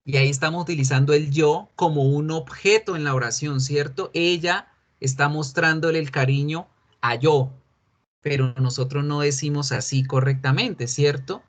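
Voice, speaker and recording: Man, fairly high voice, English teacher, online class, chatty, joking with students. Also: steady tone, moderate pace. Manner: chatty, jokey, calls on students by name.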